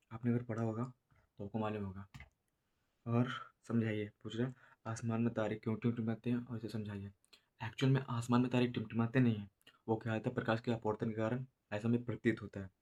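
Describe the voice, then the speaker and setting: Male teacher, monotone delivery, slow and repetitive, headache-weary exam lesson. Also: mid-range voice. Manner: slow, repetitive explaining with many filler checks. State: has a headache. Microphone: no proper voice recorder.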